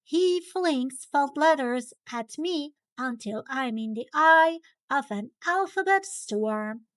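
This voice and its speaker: High, dry woman's storybook read-aloud with cartoon intonation. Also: expressive, slow pace, dry recording. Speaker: storybook reader. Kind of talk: animated children's read-aloud narration.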